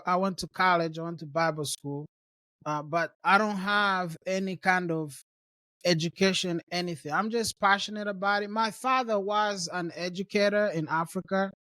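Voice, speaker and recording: A Rwandan man hosts a podcast conversational interview, speaking in a friendly, casual manner and often repeating words while he thinks. His voice is high, pushed and bright, and the recording is dry.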